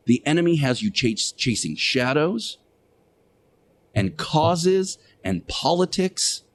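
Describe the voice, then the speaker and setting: A man playing Jesus Christ as an earnest, admonishing radio teacher, delivering a moral monologue with emphatic, deliberate pauses. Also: mid-range voice. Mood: stern, exhorting. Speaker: radio show host.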